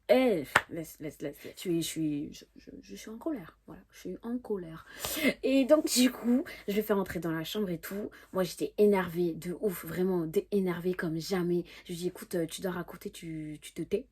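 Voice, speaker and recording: A young woman telling a casual storytime to camera, animated and expressive, repeating words for emphasis and laughing often. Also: lowish voice, slight background noise. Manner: imitates an English accent when quoting. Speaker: storyteller vlogger.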